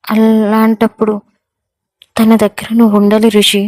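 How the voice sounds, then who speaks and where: A woman's voice: on the high side, monotone, measured pace, a little mellow, no echo, natural voice. A woman voicing a chatty, loyal young male friend in a spoken story. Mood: earnest.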